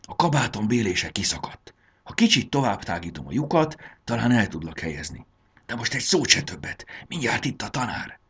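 A man voicing a polite, curious schoolboy who speaks softly. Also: fairly low pitch, big pitch swings, breathy edge, pitched above the performer's own voice, heavily acted. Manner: polite, whispering.

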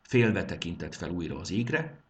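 A man reading a children's adventure story aloud in an expressive, steady manner. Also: low-pitched. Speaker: narrator.

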